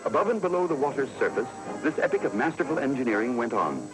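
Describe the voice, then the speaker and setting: A man's voice: medium pitch, sing-song, fast, music in the background, poor audio. A man giving emphatic, declamatory old newsreel narration in 1940s style.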